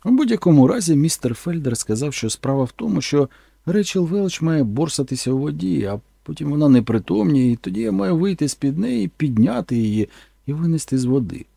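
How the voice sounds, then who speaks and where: A man narrates a first-person audiobook in a plain, earnest way. His voice is gravelly and husky with a dark tone, and his lively delivery sits in a dry, close recording. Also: fairly high pitch, a little fast, no room sound.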